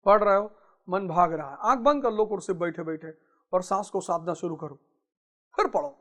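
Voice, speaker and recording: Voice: mid-range voice, normal speed. A spiritual teacher giving a motivational talk, urging listeners on and repeating key phrases.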